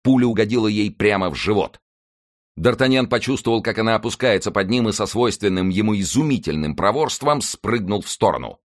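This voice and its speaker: A man narrating an adventure audiobook in a measured, dramatic way. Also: fairly low pitch, animated.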